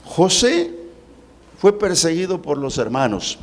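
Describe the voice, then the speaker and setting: A man, a pastor preaching a sermon at a church service, with dramatic swings in pitch and slowed words for emphasis. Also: big pitch swings.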